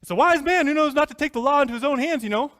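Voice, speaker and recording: A man voicing a high-strung small-town deputy who talks in a pompous official tone. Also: racing, fairly bright tone.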